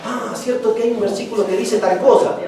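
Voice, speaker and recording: A man's voice: sits high, steady tone, fairly quick, warm tone. A man teaching a homiletics class in a chatty, joking way, acting out little stories. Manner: chatty, joking, acts out anecdotes. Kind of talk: casual classroom lecture. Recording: echoey room from far off.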